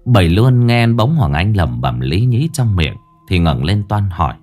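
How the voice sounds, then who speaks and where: A man narrating a horror story in a dramatic, lively way. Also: low-pitched, normal speed, faint music behind.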